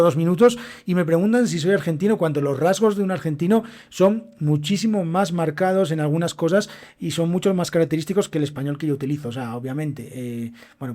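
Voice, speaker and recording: In a fairly high voice with a dark tone, this young Castilian-accented teacher hosts his own Spanish-learning podcast, speaking straight to his students in a solo monologue.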